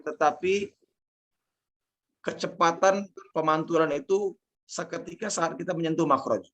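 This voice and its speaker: A man's voice: a little high, a bit bright. Patient Indonesian man teaching recitation. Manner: patient, repeats sounds slowly for the student. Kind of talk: online tajwid lesson, correcting recitation.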